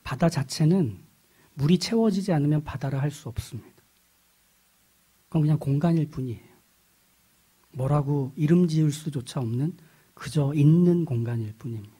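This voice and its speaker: A man pastor preaching a sermon in an earnest way, building to emphatic peaks and then dropping soft. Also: on the high side, moderate pace, pauses often, husky.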